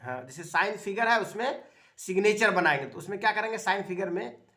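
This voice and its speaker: A man teaching a child spelling in a home lesson, coaxing patiently and repeating his prompts, his explanations halting and full of filler sounds. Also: high voice, expressive, pushed and bright.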